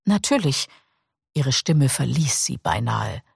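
A man reading a novel aloud in calm, measured audiobook narration. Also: medium pitch, gravelly, slightly rough, dry recording, clean studio sound.

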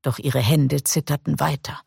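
A man reading a novel aloud in calm, measured audiobook narration. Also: a little high, vocal fry, breathy edge, no room sound, studio quality.

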